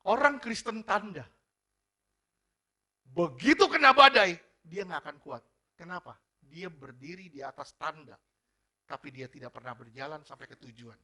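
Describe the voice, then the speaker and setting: High, bright-voiced energetic male preacher. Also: normal speed. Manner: energetic, asks the congregation rhetorical questions; mixes formal preaching with casual slang. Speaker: pastor. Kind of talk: sermon.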